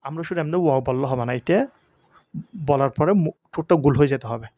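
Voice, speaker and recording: A man's voice: mid-range voice, a little fast, warm tone, no echo, highs cut off. A man teaching Arabic letter pronunciation, drawing out and repeating each sound. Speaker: Quran teacher. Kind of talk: slow pronunciation lesson.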